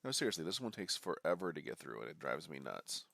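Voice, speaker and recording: Stuffed up and nasal from a bad cold, a man streams a video game over game music, rambling and joking as he reacts live. His voice is a rumbling low one, creaky, pushed and bright, with big pitch swings and fast talking, and there is no room sound.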